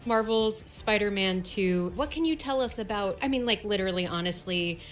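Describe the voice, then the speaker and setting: A woman's voice: mid-range voice, animated, moderate pace, soft background music. A woman co-hosting a podcast, eager and playful as she asks a guest questions. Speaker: podcast co-host. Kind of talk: casual chat.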